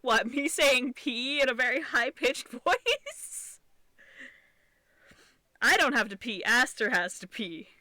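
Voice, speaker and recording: Young woman, streamer, casual sewing chat, thinks out loud, repeats herself, bouncy animated pitch. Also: slow pace, long pauses, dry recording, studio quality. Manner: thinks aloud, chatty and repetitive.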